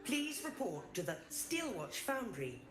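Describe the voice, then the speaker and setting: A woman voicing a stern mechanical city guard construct that speaks in flat, official commands. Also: a little high, unhurried. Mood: commanding. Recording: echoey game audio. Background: game music.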